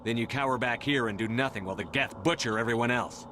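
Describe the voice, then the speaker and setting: An actor playing a stern soldier who bluntly questions a witness. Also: male voice, mid-range voice, quick pace, noisy background, close to an everyday voice. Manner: blunt, interrogating. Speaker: game protagonist.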